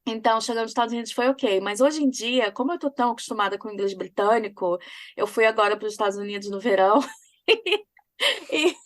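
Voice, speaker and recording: A woman's voice: on the high side, lively intonation, quick pace, no echo, studio quality. A woman with a Brazilian Portuguese accent, co-hosting a podcast in casual chat, telling stories with frequent laughs. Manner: chatty, laughs often while telling stories. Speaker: podcast co-host.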